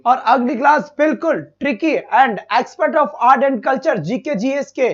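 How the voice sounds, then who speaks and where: A male teacher giving a live online class, asking questions and answering them himself, and bursting into loud praise. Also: very high-pitched, slow pace. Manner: addresses students as beta, asks and answers own questions. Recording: dull lo-fi stream audio.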